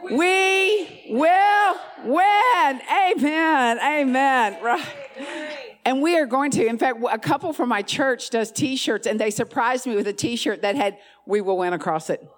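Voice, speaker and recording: A woman's voice: a little high, moderate pace, hardly any pauses, slight background noise. A woman giving an emphatic, rallying charismatic talk at a women's church conference. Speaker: women's ministry speaker.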